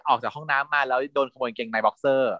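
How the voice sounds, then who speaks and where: A man co-hosting a casual chat, recapping a series in an animated, giggly way and mixing in English words. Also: mid-range voice, rapid-fire, no room sound, highs cut off. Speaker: hospital worker who does shifts.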